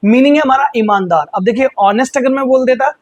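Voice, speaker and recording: A man teaching English vocabulary in Hindi, explaining patiently and slowly repeating words for pronunciation. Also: extremely high pitch, no echo, muffled recording. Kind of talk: vocabulary lesson.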